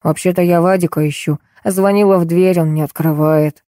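A woman reads a stout, pushy middle-aged woman neighbour in a hoarse voice, set lower than the narration. The tone is dark and dry. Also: steady tone, moderate pace, dry recording, natural voice. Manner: rattling, pushy.

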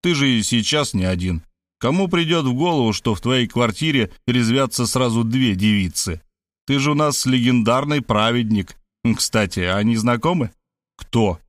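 A man's voice: on the low side, no room sound, studio quality, natural voice. A man voicing a brash, cynical male friend with crude, mocking talk in an audiobook. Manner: mocking, crude, fast-talking. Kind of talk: audiobook character voice.

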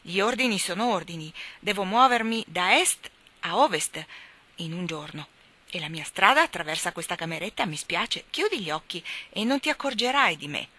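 Una donna che fa un raggio di sole gentile. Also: female voice, on the low side, lively intonation, normal speed, pushed and bright. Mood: apologetic. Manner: polite, soothing. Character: gentle, apologetic female sunbeam.

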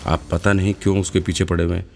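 A cheeky young woman trainee in an audiobook, teasing and pushing her boss to close the case, as a man voices her with a lifted pitch. Faint music sits behind her. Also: little pitch movement, quick pace, creaky, darkish tone. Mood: indignant. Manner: teasing, impatient.

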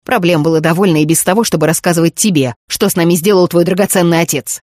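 A woman's voice: on the low side, fast talker, dry recording, clean studio sound, pitched below the performer's own voice, natural voice. A woman voicing a desperate widowed mother with a cracked, harsh voice in an audiobook. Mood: bitter. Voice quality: cracked, harsh when shouting. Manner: bitter, pleading, then fierce. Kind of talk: audiobook character reading.

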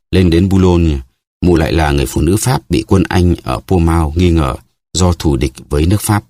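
A man narrating an audiobook novel in a steady storytelling manner. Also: low-pitched, no room sound. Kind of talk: scripted narration.

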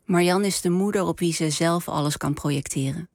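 Brief: female author, lowish voice, slow measured reading, dry close sound. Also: gravelly, no room sound. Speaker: author reading from her novel. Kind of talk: literary reading and interview.

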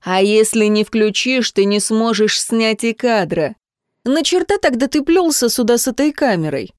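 A woman's voice: on the high side, lively intonation, moderate pace, no room sound, clean studio sound, lightly acted. A woman voicing a stubborn young man who speaks in short, cold commands. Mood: determined. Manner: terse, cold, determined. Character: stubborn young male graffiti artist.

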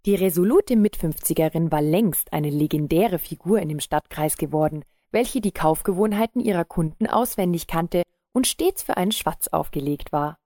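A woman narrating a story in a calm, measured reading. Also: on the low side, dry recording, studio quality. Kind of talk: scripted audiobook narration.

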